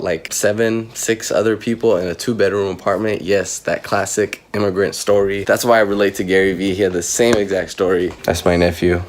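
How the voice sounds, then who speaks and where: A man in his twenties from Iraq, telling his life story in a casual, joking, rambling vlog. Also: low-pitched. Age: 20s. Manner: joking, rambling, self-mocking. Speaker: vlogger.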